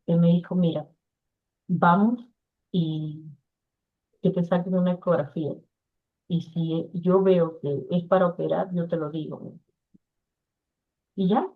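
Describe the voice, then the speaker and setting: A woman giving an earnest personal testimony in an interview, acting out what others said to her. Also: on the low side. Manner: earnest, quotes others in lively voices. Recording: tinny phone-like audio.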